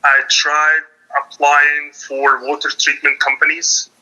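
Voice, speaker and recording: Young man, hesitant, flat and bright tone, phone-line sound. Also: fairly high pitch, slow pace. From Qatar. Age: young adult. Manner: hesitant, many ums and restarts. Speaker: laid-off engineer seeking career advice. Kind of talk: interview over a call.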